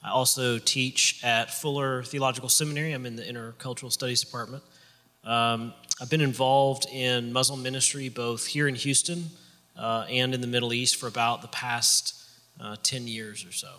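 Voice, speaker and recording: A man, a mission pastor who also teaches at a seminary, introduces himself plainly and matter-of-factly. His bright voice carries through the long reverb of a hall. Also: medium pitch, fairly even intonation, moderate pace. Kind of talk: panel introduction.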